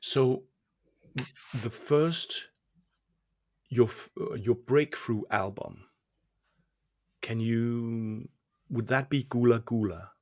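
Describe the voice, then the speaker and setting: A man's voice: mid-range voice, extremely slow, pauses often, darkish tone. A man from Denmark, interviewing and searching for words as he asks questions. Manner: hesitant, searching, restarts sentences.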